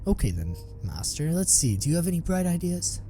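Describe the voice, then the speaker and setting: Guy doing a cocky young jedi knight, near his own voice, lively, mellow tone. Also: a little high, a little fast, faint music behind, pitched above the performer's own voice. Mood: wry.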